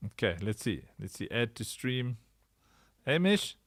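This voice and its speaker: A man's voice: on the low side, moderate pace, no echo. A man hosting a casual livestream chat over a video call, playful and sing-song, laughing often. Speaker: livestream host.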